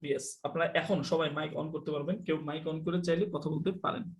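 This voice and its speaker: A man with a notably high voice runs a live online English class. He talks in a chatty, teasing way and slips English phrases into his explanations. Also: fairly even intonation, a little fast. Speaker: English teacher.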